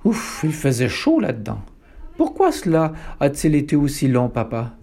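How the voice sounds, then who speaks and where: A man's voice: on the high side, huge pitch swings, normal speed, creaky, mellow, heavily acted. A man voicing a small whining wolf cub who whimpers. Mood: complaining. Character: whiny little wolf cub.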